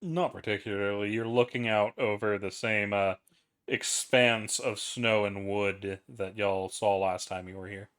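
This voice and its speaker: A man with a somewhat low voice acts as game master of a tabletop role-playing game. He narrates settings and answers players in a conversational way. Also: steady tone, a little slow, a bit bright, smooth.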